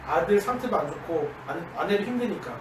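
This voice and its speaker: High, lively-voiced man preaching. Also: brisk. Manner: earnest personal storytelling. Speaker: junior pastor. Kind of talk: dawn service sermon. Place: church sanctuary. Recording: echoey church, distant mic, faint hiss.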